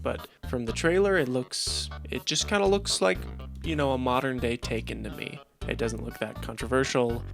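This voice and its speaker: A man's voice: medium pitch, fairly bright tone. A young man giving casual video commentary, chatty and a little exasperated. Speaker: commentary YouTuber.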